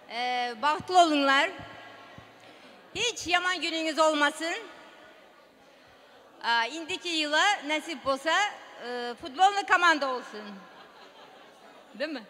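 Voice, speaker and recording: A woman's voice: high voice, takes it slowly, long pauses, sharp tone. A woman speaking as a wedding guest, offering the couple an informal congratulatory toast. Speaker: wedding guest giving good wishes. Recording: reverberant hall.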